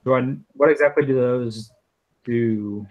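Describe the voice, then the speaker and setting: Slow, deliberate man player. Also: mid-range voice, a little mellow, rough recording. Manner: slow, deliberate, thinking aloud. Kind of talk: casual tabletop game play.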